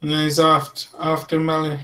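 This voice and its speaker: Male tabletop player: bright, flat, matter-of-fact in-character talk. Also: fairly high pitch, moderate pace. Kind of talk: playing a character in a tabletop game.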